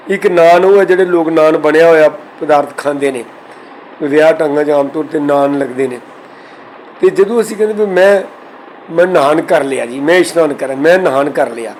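A man from Punjab explaining the correct pronunciation and meaning of scripture verses, slowly reciting each verse between explanations. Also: on the high side, darkish tone, a little hiss or hum, poor audio. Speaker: Sikh scripture teacher.

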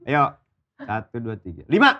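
A man's voice: mid-range voice, huge pitch swings, moderate pace, dull audio, background noise. A man running a party game in casual comedic banter, explaining the rules. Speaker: game host.

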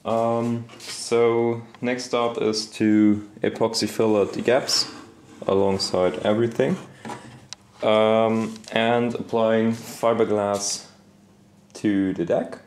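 A young man filming a casual workshop vlog in his home garage, talking in a relaxed, self-deprecating way with lots of fillers, recorded on an action camera. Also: fairly low pitch, slow pace, slight background noise. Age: young adult. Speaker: hobby boatbuilder vlogger. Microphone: action camera on body or nearby.

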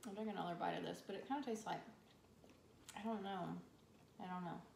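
A woman's voice: on the low side, fairly quick, creaky, darkish tone, slight background noise. A woman talking with her mouth full while eating, in casual, hesitant chat. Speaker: vlogger, taste tester. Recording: echoey room.

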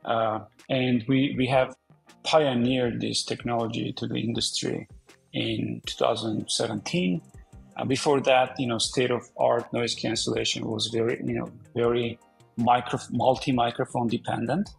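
A man in his forties from Armenia talks as a podcast guest over a video call, with a gravelly, husky voice. He speaks conversationally, with frequent fillers and restarts. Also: mid-range voice, fairly even intonation, unhurried, faint music behind, rough recording. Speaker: podcast guest, company founder. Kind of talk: casual interview talk. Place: indoor room.

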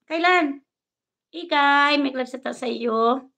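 A high-pitched woman from the Philippines talks straight into the camera in a heated, combative rant. She taunts, swears freely and jumps between two languages. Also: takes it slowly, pushed and bright. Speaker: vlogger. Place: living in the United States.

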